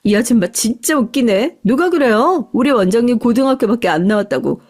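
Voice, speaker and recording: A woman's voice: on the high side, lively intonation, fairly quick, darkish tone, pitched above the performer's own voice. A woman voicing mocking young female salon workers who jeer sarcastically. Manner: jeering, sarcastic.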